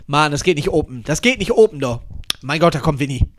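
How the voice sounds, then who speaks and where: A man with a hoarse voice doing a rowdy, crude comedy skit, shouting and mixing English words into his German. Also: a little high, animated, fast, slight background noise.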